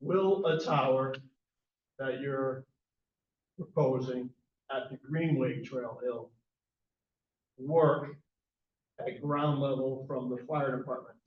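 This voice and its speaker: A man's voice: mid-range voice, steady tone, slight background noise. A man giving public comment at a town hearing, asking a careful question one piece at a time. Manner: slow, deliberate questioning. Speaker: resident speaking at a public hearing. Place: echoey town meeting hall. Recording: distant, echoey, dull hall recording.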